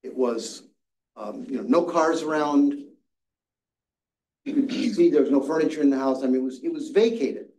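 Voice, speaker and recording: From far off in an echoey church classroom, an older man with a warm, mid-range voice tells a story while teaching a Sabbath school Bible study class to seated listeners. He talks at normal speed, pausing often and earnestly restarting his words.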